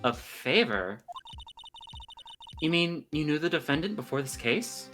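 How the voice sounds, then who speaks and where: A man playing a composed, supportive mentor attorney in a video game, measured and approving. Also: a little high, big pitch swings, music in the background. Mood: calm, impressed.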